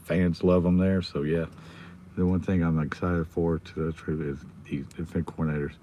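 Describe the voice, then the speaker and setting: An American man with his voice nearly gone, chatting casually and quietly as a livestream host while sitting in a car. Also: low voice, level tone, normal speed. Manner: subdued, holding the volume down. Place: inside a car in a school pickup line. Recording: noticeable background noise in a car.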